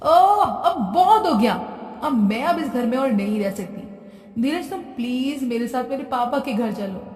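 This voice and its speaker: A woman voices a spoiled, whiny young bride in a cartoon story, sounding petulant and exasperated. Her voice sits high and is animated, unhurried and a little mellow, recorded far from the mic with roomy echo.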